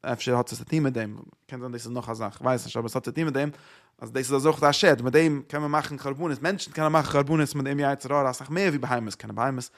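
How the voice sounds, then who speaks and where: A man teaching a religious lesson, explaining in loose, repeated phrases with rhetorical questions and many hesitant pauses. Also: mid-range voice. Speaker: Torah teacher. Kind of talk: religious lecture.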